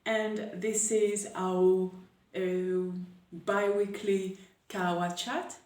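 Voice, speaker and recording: A woman from Paris, hosting a casual coffee chat and talking with many hesitant pauses. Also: medium pitch, little pitch movement, a little mellow. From Paris, France. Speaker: coffee camp host. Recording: echoey room, voice a bit far from mic.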